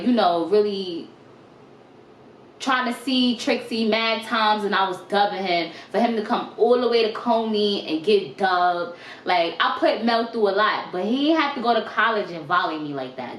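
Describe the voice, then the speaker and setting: A young woman telling a storytime vlog, animated, emphatic and full of profanity. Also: medium pitch, normal speed. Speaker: vlogger. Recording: roomy with faint noise.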